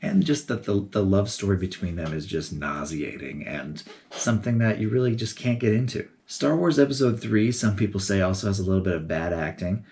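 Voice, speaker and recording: A man giving a casual, animated video essay, talking in a chatty way with geeky enthusiasm. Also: on the low side, a little fast. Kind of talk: casual commentary to camera.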